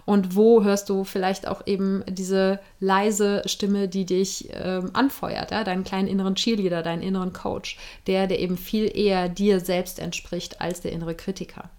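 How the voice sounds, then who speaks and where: A woman's voice: mid-range voice, little pitch movement, normal speed, hardly any pauses. Encouraging woman podcast host. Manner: warm, encouraging, addresses listener directly; casual with fillers and occasional English words. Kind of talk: coaching self-help podcast.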